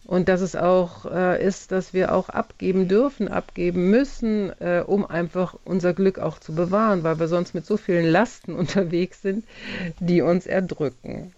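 Radio guest, animated storyteller, mid pitch, dry studio sound with slightly muffled highs. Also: no echo. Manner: lively storytelling, with brief laughs and quick asides. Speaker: guest on a radio talk show. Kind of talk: retelling a fairy tale and reflecting on it.

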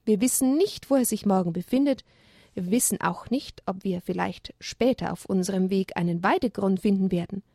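A woman voicing a caring mother donkey who gently scolds her young. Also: medium pitch, moderate pace, creaky, dry recording, clean studio sound. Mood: firm.

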